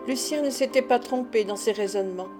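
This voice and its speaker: A woman narrating a classic novel as an audiobook, reading in a measured, steady way. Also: on the high side, over music.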